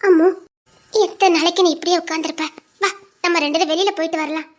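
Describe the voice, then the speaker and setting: A woman's voice: extremely high pitch, fairly even intonation, fast talker. A woman playing a caring young friend who coaxes and reassures in an audio drama. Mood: coaxing. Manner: coaxing, reassuring. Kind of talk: Tamil audio drama acting.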